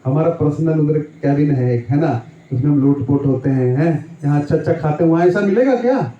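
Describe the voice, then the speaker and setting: A preacher acting out a stubborn, contented pig-king who protests indignantly, his voice pushed up higher than his own. The sound is dark and muffled, with heavy echo from a big hall. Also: fairly quick, a little hiss or hum, natural voice.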